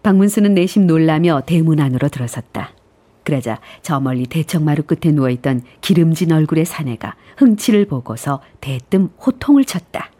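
A woman's voice: low-pitched, lively intonation, moderate pace, warm tone. A woman hosting a live radio show, reading out listener messages and narrating a story.

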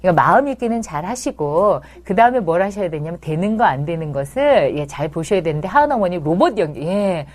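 A woman hosts a live parenting advice session, answering viewer questions in a chatty, reassuring tone. Her pitch swings widely as she talks, and she slips playfully into the lines of parents and children. She speaks straight to the mothers who are watching. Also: animated, fairly quick, few pauses, a little mellow. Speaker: child psychology expert and host.

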